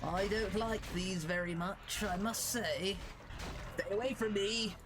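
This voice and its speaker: A man's voice: high-pitched, a little slow, background noise, voice pushed up. A man voicing a hammy posh British soldier with exaggerated upper-class bluster. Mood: fussy.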